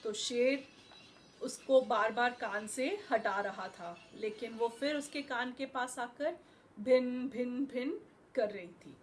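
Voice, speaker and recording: A woman's voice: on the high side, slow pace, faint music behind. A woman school teacher in an online class, reading a story aloud and patiently explaining words, mixing in English terms. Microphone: video call.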